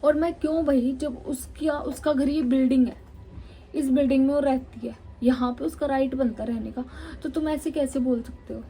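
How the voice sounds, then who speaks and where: Woman vlogger from Chandigarh, indignant storytime delivery, fairly high and mellow. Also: fairly even intonation, moderate pace, rough recording. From Chandigarh, India. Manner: indignant, emphatic retelling with many repetitions. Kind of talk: storytime vlog.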